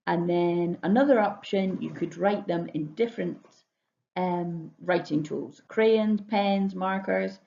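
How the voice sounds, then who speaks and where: Taking it slowly, a primary school teacher walks through home learning tasks in a lowish, dark voice with vocal fry. She instructs carefully and checks understanding with frequent questions, while the dull, lo-fi audio carries a roomy echo.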